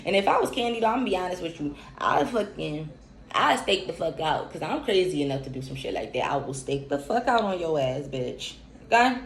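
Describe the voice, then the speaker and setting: A woman's voice: lowish voice, animated, fairly quick. A woman, giving an unscripted, profane, emphatic reality-TV recap rant. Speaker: recap commentator. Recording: echoey room with faint hiss.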